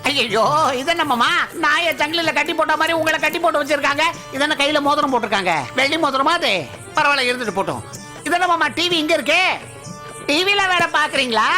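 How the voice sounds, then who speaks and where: A woman's voice: sits high, sharp tone. An actress dubbing a mischievous young woman who chatters in a playful, teasing way. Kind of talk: Tamil film dub. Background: film score.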